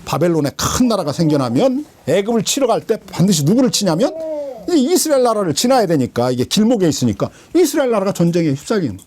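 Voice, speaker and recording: Animated, high-voiced male preacher. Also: fast. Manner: animated storytelling, colloquial, dramatic drops in pitch. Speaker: pastor. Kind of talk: sermon.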